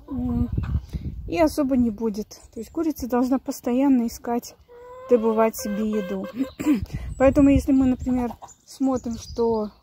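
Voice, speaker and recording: A woman casually vlogging outdoors from her garden and chicken yard, unhurried and searching for words, cooing fondly at her hens. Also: fairly high pitch, dark tone, a little hiss or hum. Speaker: village vlogger. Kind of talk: casual walk-and-talk vlog.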